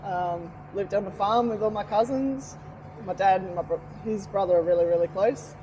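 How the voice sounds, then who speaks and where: A woman in her forties with an Australian accent, chatting casually about riding, slangy and quick to laugh. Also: medium pitch, background noise. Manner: laid-back, slangy, laughs often. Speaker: podcast guest, motorcycle rider. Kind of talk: casual chat.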